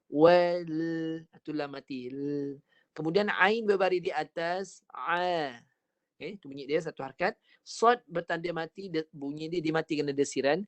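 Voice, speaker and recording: Slightly high-voiced Malaysian Quran teacher. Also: male voice, no room sound. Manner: patient, repeats and drills letter sounds slowly. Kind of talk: online recitation lesson. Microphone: online class call.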